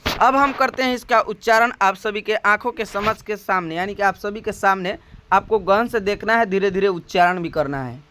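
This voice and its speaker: Man, Hindi accent, high voice, teacher explaining syllables, drawn-out sounds. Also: bright, forceful tone. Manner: drawn-out spoken syllables, repeated rhetorical questions. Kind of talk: slow classroom explanation.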